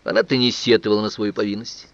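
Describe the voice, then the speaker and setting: Male audiobook narrator, low voice, calm measured literary reading, dull lo-fi dry recording. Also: no echo. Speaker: audiobook reader.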